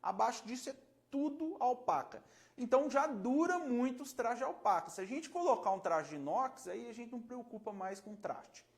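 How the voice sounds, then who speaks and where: A Brazilian man, a luthier, explaining frets casually in a relaxed, rambling way, demonstrating with his hands and often checking the viewer is following. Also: very high-pitched, moderate pace. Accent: Brazilian Portuguese. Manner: relaxed, rambling, self-correcting.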